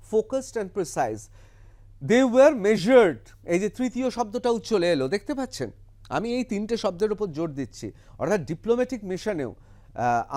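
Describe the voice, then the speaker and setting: High-pitched, scornful news commentator. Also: male voice, darkish tone. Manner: scornful, emphatic, reads out English quotes and explains them. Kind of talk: heated political commentary.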